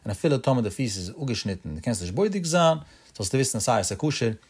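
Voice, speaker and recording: A man's voice: mid-range voice, animated, fast talker, darkish tone, husky. Man teaching a sing-song religious lesson.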